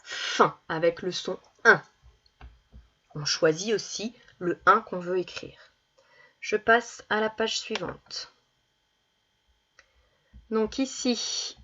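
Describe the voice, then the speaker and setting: A woman teaching young children, reading words slowly and clearly and stressing each one as she goes through worksheet exercises. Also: medium pitch, fairly bright tone, highs cut off. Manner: slow, deliberate, stresses each word. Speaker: primary school teacher.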